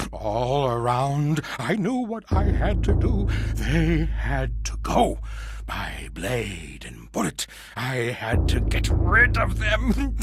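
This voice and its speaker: A man playing a half-mad male survivor in a horror monologue, lurching between hushed whispers, manic laughter and shouts. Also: mid-range voice. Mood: pleading, unhinged. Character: half-mad male survivor raving about monstrous parasites.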